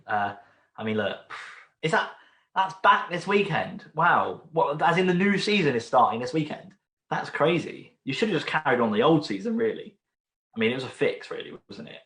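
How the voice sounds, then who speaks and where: A man's voice: mid-range voice, fairly bright tone. A man from the UK hosting an online pub quiz from home, chatting casually, rambling between questions and repeating each question. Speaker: quiz host. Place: room at home. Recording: roomy home recording.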